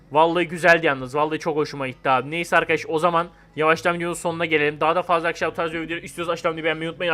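A young man giving excitable, chatty let's-play commentary on a horror game and talking straight to his viewers. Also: a little high. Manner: excitable, chatty, talks to viewers as "abi" and "arkadaşlar". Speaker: gaming YouTuber.

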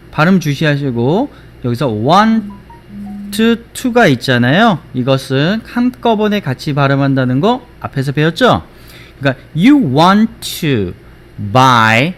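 Male phonics teacher, very slow, word-by-word modeling, animated pitch, quick asides. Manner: models words one at a time, slowly and stretched; explains briskly, then drills phrases over and over. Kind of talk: language lesson.

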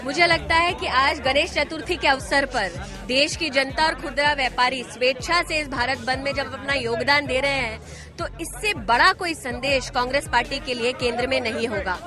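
A woman politician speaking forcefully outdoors at a protest, firing rhetorical questions into reporters' microphones. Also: high-pitched, normal speed, over music, a crowd in the background. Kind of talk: street interview at a protest. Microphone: handheld reporter mics.

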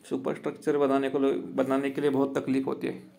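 His mid-range voice is creaky and darkish, delivered fairly quickly with no variation at all. He's a Maharashtrian solar installer and business owner recording a walkthrough on an outdoor rooftop with a handheld phone. The commentary is plain and repetitive, aimed at viewers he calls friends.

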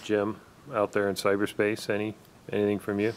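Man, low voice, chairing a town planning board, relaxed and casual with many fillers, faint background hiss. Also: moderate pace.

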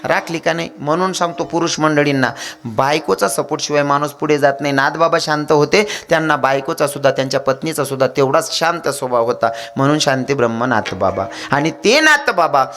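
A man's voice: a little high, a little fast, fairly bright tone, soft background music. A man with a Khandeshi Marathi accent preaching a humorous devotional kirtan sermon, telling stories with acted voices and jokes to a live audience. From India.

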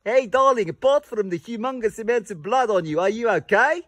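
Comic skit: fussy, overdramatic doll husband, played by a man, high voice. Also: animated, a little fast, fairly bright tone. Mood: fretful. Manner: overwrought, theatrical. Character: melodramatic doll man lost on safari. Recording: faint music behind.

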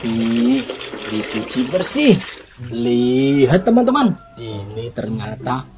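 Animated, playful woman hosting for kids. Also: extremely low pitch, takes it slowly. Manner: exclamatory, playful, like a kids' party magician presenting surprises. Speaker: children's toy video host. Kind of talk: scripted-sounding kids' toy reveal narration with magic-word exclamations.

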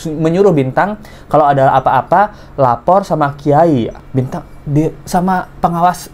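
A man hosting an online commentary, reading messages aloud in a lively, exclaiming way, his voice jumping up and down. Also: on the high side, a little slow. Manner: animated, exclaiming, voice jumps up and down. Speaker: commentary host.

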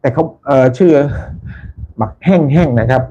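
A man hosting a casual live stream for his followers, talking politely and repeating himself, with soft polite particles at the ends of his phrases. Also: medium pitch, a little slow, slightly rough. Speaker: channel host. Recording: dull lo-fi sound with faint background noise.

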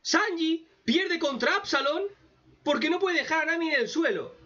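A man giving a sarcastic, profane anime commentary rant, with mocking asides and sudden loud outbursts. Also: very high voice, lively intonation, moderate pace. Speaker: anime reaction youtuber. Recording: dull lo-fi mic.

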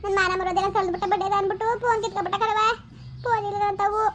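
A tender, fretful old village mother, acted by a woman, with a lilt. Her voice sits very high and the words tumble out quickly as she fusses and consoles, leaning on God in every other breath. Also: flat delivery, slight background noise. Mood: lamenting. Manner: fussing and consoling, invoking God. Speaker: mother of a banished son.

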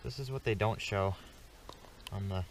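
Heavy background noise surrounds a young man's lowish voice as he talks at a moderate pace. He's an outdoor vlogger chatting casually and playfully while ice fishing, out on a frozen lake and later in a tent, filmed on an action camera at arm's length or set nearby.

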